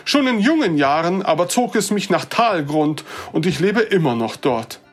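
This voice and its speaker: A storyteller voicing an older human gentleman who speaks formally and a little hesitantly. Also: mid-range voice, sing-song, moderate pace, husky, faint music behind, pitched above the performer's own voice. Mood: earnest. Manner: formal, hesitant, old-fashioned.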